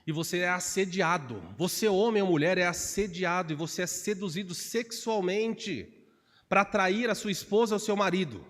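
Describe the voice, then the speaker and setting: A man with a Brazilian Portuguese accent preaches from the pulpit in a fairly high voice. He is animated and slips into different voices to act out quotes. A long church-hall reverb trails after every phrase. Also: normal speed. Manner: animated, acts out quotes with shifts of voice. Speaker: pastor. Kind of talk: expository sermon. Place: church sanctuary.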